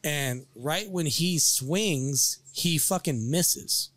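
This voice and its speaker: A man casually telling a story on a podcast, animated, swearing freely and acting out what people said. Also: fairly high pitch, drawn-out words, no room sound. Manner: animated, swears freely, acts out quoted lines. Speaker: podcast storyteller, bar worker.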